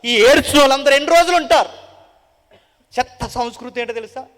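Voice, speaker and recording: High-voiced preacher man in a reverberant hall. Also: brisk. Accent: Telugu-speaking South Indian. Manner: swings from loud proclaiming to hushed, mournful tones; asks the crowd repeated rhetorical questions. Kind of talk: dramatic gospel sermon. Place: large gospel meeting hall.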